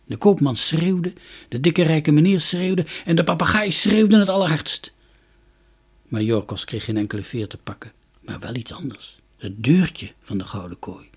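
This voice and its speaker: A man reading a children's storybook aloud, expressive and with shifting loudness. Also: on the high side, moderate pace, breathy edge. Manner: expressive, varying loudness and pace.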